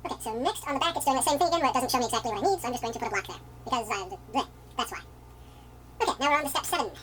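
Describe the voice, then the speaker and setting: A man putting on a voice for an excitable, fussy male showman who theatrically scolds his building pieces. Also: very high voice, rapid-fire, a little hiss or hum, voice pushed up. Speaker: vlogger.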